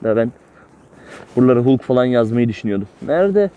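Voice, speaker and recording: A man's voice: medium pitch, lively intonation, fast, dark tone, clean tone, dull audio. A young man chatting casually and teasingly from inside a motorcycle helmet while riding outdoors. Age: young adult. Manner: joking, teasing banter. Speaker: motorcycle vlogger and rider. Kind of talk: casual motovlog chat. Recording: noisy outdoor ride, engine and wind noise.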